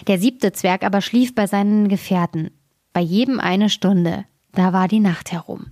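A woman storyteller reading a fairy tale aloud in a calm, measured way. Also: mid-range voice, dry recording, studio quality.

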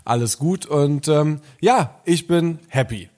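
A man's voice: fairly high pitch, lively intonation, darkish tone. A man co-hosting a casual podcast, telling stories in an upbeat way and laughing often. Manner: upbeat storyteller, quick to laugh. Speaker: podcast co-host.

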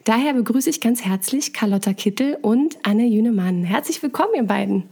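A woman hosting a podcast, chatting casually and often pausing with fillers as she introduces her guests. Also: on the high side, animated, warm tone, slightly rough. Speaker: podcast host. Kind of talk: casual interview.

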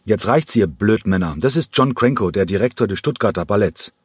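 A man's voice: mid-range voice, sing-song, moderate pace, slightly rough, no room sound, pitched above the performer's own voice. A man reading an audiobook and voicing a proud, hot-tempered male taverna owner who scolds rude guests. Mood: indignant. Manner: scolding, emphatic. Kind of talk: audiobook character voice.

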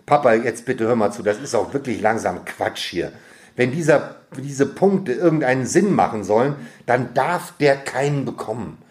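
A man's voice: mid-range voice, expressive, moderate pace, natural voice. A man voicing an impatient eldest brother who argues about fair scoring in a storybook reading. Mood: lecturing. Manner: pleading, then lecturing. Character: impatient eldest brother, know-it-all teen.

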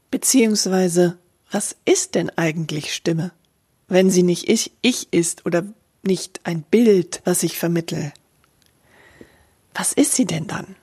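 Breathy woman explaining the voice calmly. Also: medium pitch. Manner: calm, explanatory, addresses listener directly. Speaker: voice coach. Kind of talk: spoken voice lesson.

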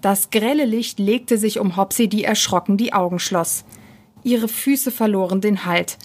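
Woman, narrator, children's storybook reading, calm, unhurried, mid pitch.

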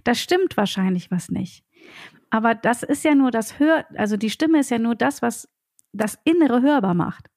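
A woman's voice: fairly high pitch, expressive, normal speed, darkish tone. Explanatory woman voice coach. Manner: reflective, explanatory, laughs easily. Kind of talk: podcast conversation.

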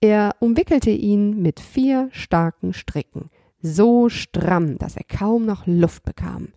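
A woman narrating a children's storybook aloud in a lively, expressive way. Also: medium pitch, slow pace, no echo, studio quality.

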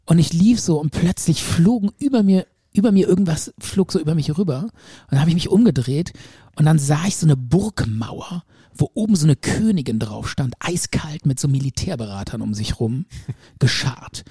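A man casually chatting and retelling a long dream, lively and acting out what people in it said. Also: a little high, moderate pace, husky, no room sound, studio quality. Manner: lively storyteller who acts out quoted speech.

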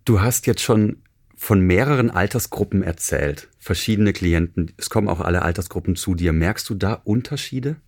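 A man hosting a podcast interview, asking measured, probing questions. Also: deep voice, darkish tone, husky. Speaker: podcast host.

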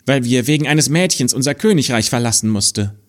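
A man's voice: mid-range voice, animated, fairly quick, pitched above the performer's own voice, lightly acted. A man voicing the youngest brother in a spoken fairy tale, kind and reassuring.

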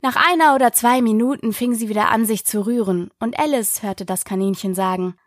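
Woman narrating a storybook, fairly high. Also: fairly quick, no room sound, clean studio sound. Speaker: audiobook reader.

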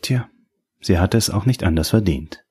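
A man narrating an audiobook in a wry, measured storytelling manner. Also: deep voice, expressive, darkish tone, husky.

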